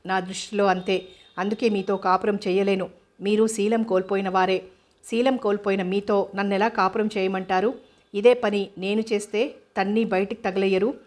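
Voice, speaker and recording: A woman reading the lines of a proud, wronged young wife in a storybook drama, in a flat, even way. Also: medium pitch, normal speed, close to an everyday voice. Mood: defiant.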